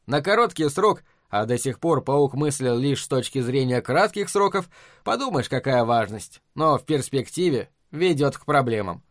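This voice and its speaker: A man narrating an audiobook in an even storytelling manner. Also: mid-range voice, normal speed, dry recording, clean studio sound. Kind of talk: scripted narration.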